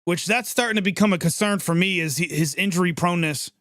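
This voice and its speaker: Hosting a live sports reaction stream, a high-pitched man calls each play as it happens, chatty and excitable with quick reactions. The studio-quality audio has no room sound.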